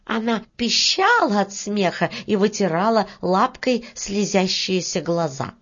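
A woman narrating a fairy tale in an expressive storybook reading. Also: medium pitch, husky. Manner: slow, expressive, lilting. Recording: dull lo-fi recording.

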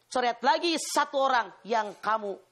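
A woman's voice: on the high side, animated, normal speed, fairly bright tone, voice pushed up. A woman voicing a stern university professor who gives orders and repeats demands, told in a sermon story.

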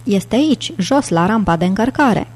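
A woman's voice: mid-range voice, lively intonation, a little mellow, husky. Woman voicing a flustered night manager. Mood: deferential.

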